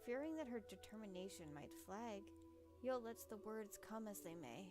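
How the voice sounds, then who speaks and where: A woman's voice: mid-range voice, lively intonation, moderate pace. A woman streamer reading a game's narration aloud in a casual way, joking and stumbling over words now and then. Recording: music playing under voice. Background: game music.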